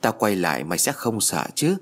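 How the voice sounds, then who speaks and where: A man voicing a faceless dead schoolgirl ghost who speaks slowly and insistently in a low, husky voice. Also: big pitch swings. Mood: eerie pleading.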